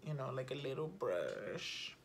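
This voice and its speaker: A young woman talking casually through her makeup routine at home, chatty and unfiltered, swearing offhandedly and sometimes dropping to a soft murmur. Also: a bass voice, very animated, unhurried, slight background noise. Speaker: beauty vlogger. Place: at home, not in a studio.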